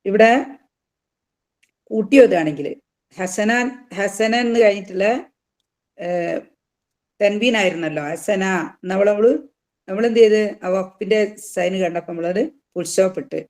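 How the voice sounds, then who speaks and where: A teacher giving a tajweed lesson, explaining each rule and then sounding out the words slowly to drill them. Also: medium pitch, a little mellow. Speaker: Quran teacher.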